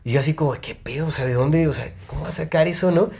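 A young Mexican man tells a long story on a casual podcast, piling up fillers and false starts. His voice sits a bit high for a man, and the talk rambles loosely. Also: fast, creaky, darkish tone. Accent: Mexican Spanish. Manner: rambling, lots of fillers and restarts. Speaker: podcast co-host.

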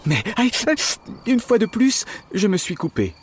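Animated man telling a children's story. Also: high voice, unhurried, music in the background. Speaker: storyteller playing professor Hansel Grimm. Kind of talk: scripted children's story narration.

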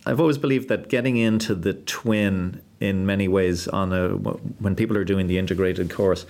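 Flight training head, low voice, earnest, lots of ums. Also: male voice, fairly even intonation, gravelly, darkish tone. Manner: earnest, measured, with many fillers. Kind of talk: interview answers.

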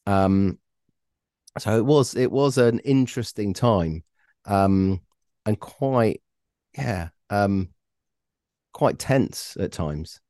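A middle-aged man being interviewed, telling stories in a relaxed, hesitant way with frequent ums and restarts. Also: lowish voice, drawn-out words, pauses often, no echo, clean studio sound. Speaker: podcast guest, former radio reporter. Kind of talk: casual interview chat.

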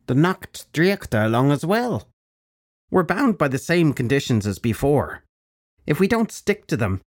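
A man reading an audiobook, voicing a cackling old crone who is blunt and wise, in brisk, matter-of-fact lectures. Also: mid-range voice, pitched above the performer's own voice. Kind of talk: audiobook narration.

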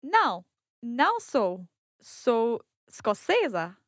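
Very animated but speaking slowly, a woman from Scotland with a fairly high voice plays the inquisitive learner co-host in a language lesson dialogue. She echoes phrases back and keeps asking follow-ups, captured in studio quality with no echo.

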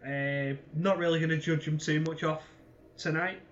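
Bright, high-voiced man, lo-fi mic. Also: steady tone, a little hiss or hum. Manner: quick agreeing, laughs often. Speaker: podcast co-host. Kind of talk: casual football chat. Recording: dull lo-fi sound.

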